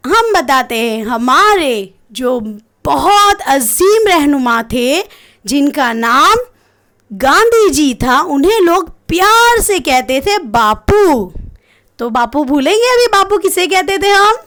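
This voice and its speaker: A young adult woman teaching young children to read letters, sounding out syllables slowly and having them repeat. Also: high-pitched, big pitch swings, a bit bright. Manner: slow, drawn-out syllable drilling. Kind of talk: children's lesson.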